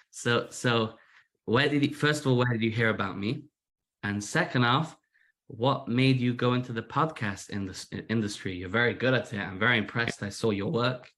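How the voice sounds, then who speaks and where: An English musician with a Manchester accent gone a bit American chats as a casual interview guest. His mid-range voice is fairly bright and moves at normal speed, and he tends toward self-deprecation and repeated words.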